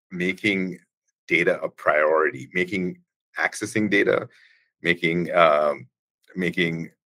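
A man being interviewed on a podcast, explaining things at length in a halting way with many restarts. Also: sits low, fairly bright tone. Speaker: guest, engineering executive.

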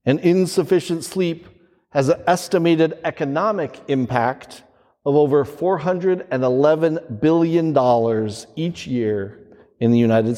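Slow priest in cathedral echo. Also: male voice, on the high side, mellow. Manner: solemn, measured delivery with deliberate pauses. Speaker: priest reading the Gospel and preaching. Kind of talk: liturgical reading and homily. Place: large reverberant church. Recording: long cathedral echo, reverberant church hall.

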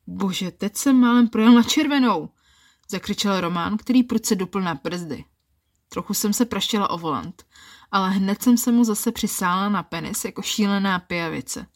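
A woman telling a first-person erotic story in a calm, intimate storytelling manner. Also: mid-range voice.

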